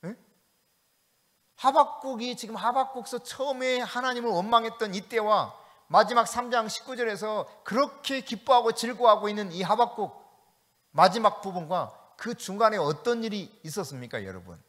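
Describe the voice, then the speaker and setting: Male pastor, animated preaching, high and expressive, reverberant sanctuary sound. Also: normal speed. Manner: animated preaching, asks the congregation questions, reads scripture aloud. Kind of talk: sermon. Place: church sanctuary. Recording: long church hall reverb.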